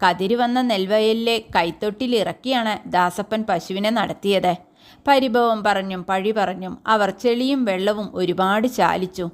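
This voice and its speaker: A woman reading a collection of short stories aloud in a calm, measured, clear storybook narration. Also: medium pitch. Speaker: story reader.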